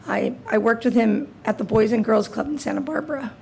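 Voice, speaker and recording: A teachers' union president, hoarse and raspy from laryngitis, reads a prepared statement at a school board meeting. Her voice is on the high side, a little fast and darkish in tone, with a faint hiss or hum.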